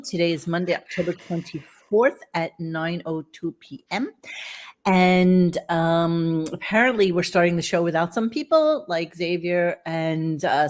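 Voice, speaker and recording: A woman's voice: lowish voice, darkish tone. A woman hosting a casual, salty talk show with an echoey sound, as if away from a close microphone. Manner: salty, swearing, joking. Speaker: host. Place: echoey basement room.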